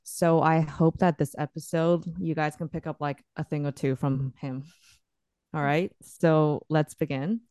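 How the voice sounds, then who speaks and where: Low-voiced woman podcast host, dry sound. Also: fairly even intonation, a little slow, mellow, smooth, no echo. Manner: chatty, enthusiastic, laughs easily. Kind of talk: casual podcast hosting.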